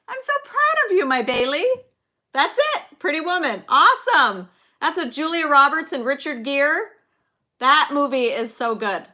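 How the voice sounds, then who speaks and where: A woman's voice: on the high side, pushed and bright. A middle-aged woman hosting a casual livestream, chatty and enthusiastic, cheering viewers on by name. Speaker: livestream host. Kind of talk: casual live chat, reading movie quotes.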